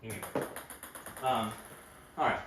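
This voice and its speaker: A man's voice: lowish voice, measured pace, fairly bright tone. Man coaching table tennis in an echoey room. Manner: explains while training, thinking aloud, many "right?" tags. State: slightly out of breath. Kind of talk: casual coaching talk during practice. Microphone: camera mic from a distance. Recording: echoey room, distant mic, faint noise.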